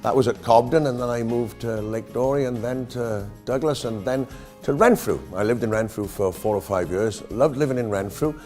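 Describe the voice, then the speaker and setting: A man's voice: medium pitch, normal speed, a little mellow, soft background music. A Welsh man in his fifties, an entertainer, answering interview questions in a jokey, self-deprecating way. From Wales. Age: 50s.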